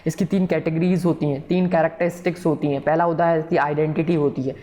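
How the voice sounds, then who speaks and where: A man's voice: fairly high pitch, little pitch movement, fast talker, dark tone. Patient man teaching a coding lesson. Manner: patient, repetitive, checks in with listeners often. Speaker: programming instructor. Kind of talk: recorded coding tutorial lecture.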